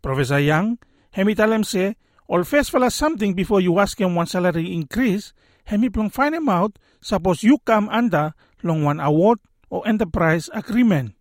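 A man's voice: sits high, animated, normal speed, no room sound, clean studio sound. A man with a Solomon Islands accent presenting a scripted explainer in Solomon Islands Pidgin. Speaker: radio presenter.

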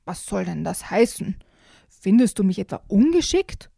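Woman doing a grumbling storybook bear, easily offended, mellow tone, dry close sound. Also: mid-range voice, unhurried, no echo. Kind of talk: storybook reading aloud.

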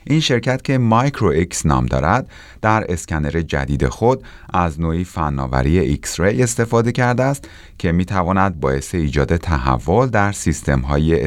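A man's voice: low-pitched, no room sound. A man presenting technology news as scripted narration.

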